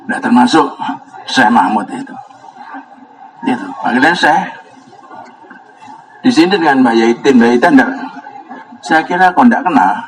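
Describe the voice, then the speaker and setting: A man's voice: medium pitch, expressive, moderate pace, long pauses, slight background noise, rough recording. A man with a Javanese accent giving a pesantren sermon as a kyai, rambling and chuckling, breaking into Arabic recitation. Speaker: kyai giving a religious lesson. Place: gathering at an Islamic boarding school.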